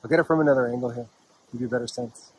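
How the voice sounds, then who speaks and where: A man with a slightly husky voice gives casual, unhurried, offhand narration to his camera while walking a trail outdoors. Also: mid-range voice, a little mellow, rough recording. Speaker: hiking vlogger. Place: outdoors on a park trail with a stream nearby.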